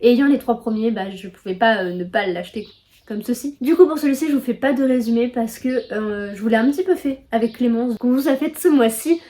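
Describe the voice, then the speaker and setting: A young woman from France talks through her book haul in a loose, chatty way, leaning on filler words and poking fun at herself. Her voice sits a little high but sounds soft and mellow rather than bright. It feels like easy talk straight to the viewer. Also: brisk. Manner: chatty, lots of filler words, self-deprecating. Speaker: book vlogger. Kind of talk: casual book haul chat.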